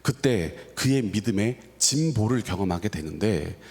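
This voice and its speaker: A man's voice: on the low side, animated, moderate pace, darkish tone. A man preaching a sermon as a pastor, talking with dramatic swings in his voice. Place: church sanctuary. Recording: reverberant church hall.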